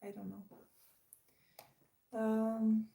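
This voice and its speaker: A woman's voice: a little high, level tone, drawn-out words, gravelly, warm tone, poor audio. A young woman with a French accent hosting a casual livestream chat, hesitant with many fillers and restarts. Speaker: livestream host.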